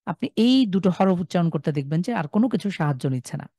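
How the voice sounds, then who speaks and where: A man's voice: high voice, animated, quick pace, mellow, dry recording, clean studio sound. A man with a Sylheti Bengali accent teaching a live online class, patiently drawing out and repeating each sound for his students. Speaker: Quran recitation teacher.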